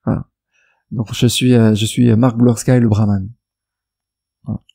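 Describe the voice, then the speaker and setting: Low, gravelly and dark with a breathy edge, this Frenchman speaks in a level tone at a measured pace. As an investment YouTuber, he answers a viewer's comment in a digressive video, arguing straight at them amid many restarts and fillers.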